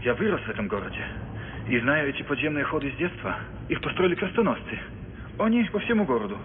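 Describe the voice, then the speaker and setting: A man's voice: mid-range voice, very animated, fast, slight background noise, lightly acted. An actor playing a bitter, defiant Polish resistance man who hates occupiers, with a Polish accent. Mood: explanatory. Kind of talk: film acting. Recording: phone-like film audio with music.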